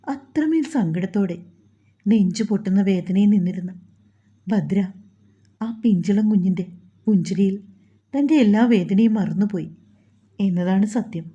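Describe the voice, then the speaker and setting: A woman narrating a novel in a slow, gentle, emotional reading. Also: mid-range voice, muffled recording.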